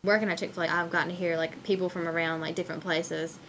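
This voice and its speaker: A woman's voice: on the low side, level tone, fast talker, a bit bright, a little hiss or hum. A woman with a Southern US accent, chatting casually in a documentary interview and using many "like"s.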